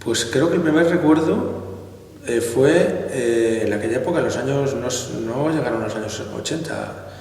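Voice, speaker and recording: A man's voice: medium pitch, moderate pace, darkish tone. A middle-aged man from Spain, an army colonel answering interview questions in a hesitant, reminiscing way with frequent restarts. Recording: echoey hall, distant from the mic.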